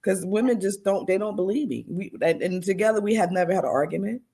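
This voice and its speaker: A middle-aged woman, a podcast guest, telling her testimony in an animated way and acting out the dialogue. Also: medium pitch, fast, vocal fry, husky. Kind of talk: storytelling testimony.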